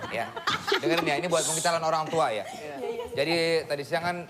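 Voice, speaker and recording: A man hosting a talk show, telling a story in a lively way and laughing as he goes. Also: a little high, a little fast, a crowd in the background. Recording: loud background noise.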